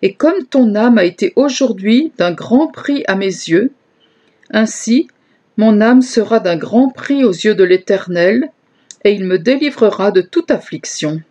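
A woman's voice: mid-range voice, lively intonation, unhurried, warm tone. A woman voicing an earnest young male leader in a scripture reading, solemn and pleading.

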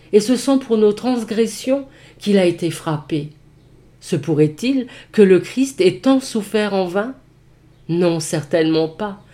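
A woman giving a scripted daily devotional reading in a slow, measured, solemn manner. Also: lowish voice, dark tone. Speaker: devotional reader.

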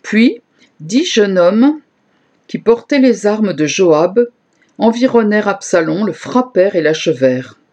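A reader giving a slow, measured scripture reading, lifting the voice a little for quoted speech. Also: medium pitch, very animated, darkish tone, lo-fi sound.

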